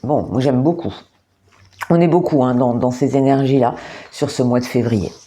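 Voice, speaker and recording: A tarot and oracle card reader gives her monthly astrology reading indoors under artificial light. Her very deep voice moves at a moderate pace, gentle and hesitant, full of repeated words and fillers.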